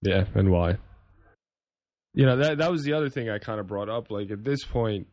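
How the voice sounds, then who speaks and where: A young man hosting a casual tech podcast, relaxed and joking as he steers the talk. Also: lowish voice, normal speed, no room sound. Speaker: podcast host.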